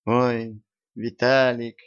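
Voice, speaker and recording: A man voicing a bossy young woman, a witch's granddaughter, in a storybook reading with brisk, commanding talk over dull lo-fi audio. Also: medium pitch, level tone, clean tone, no room sound.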